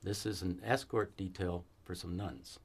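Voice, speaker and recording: An actor playing a weary cavalry fort commander in a western film, giving measured, authoritative orders. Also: male voice, sits low, fairly even intonation, breathy edge. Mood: stern. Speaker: army post commander.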